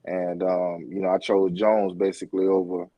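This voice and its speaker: A man's voice: low-pitched, little pitch movement, normal speed, no echo, muffled recording. A middle-aged man from Florida, a podcast guest, talking casually with lots of fillers and restarts. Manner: rambling, many fillers and restarts. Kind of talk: casual interview talk.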